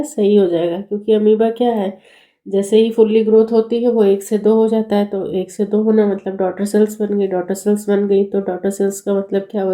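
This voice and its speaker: A woman teaching an exam-prep lesson, hoarse from a cold and sore throat, talking in a chatty, reassuring way and mixing English terms into her explanations. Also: medium pitch, dark tone, poor audio.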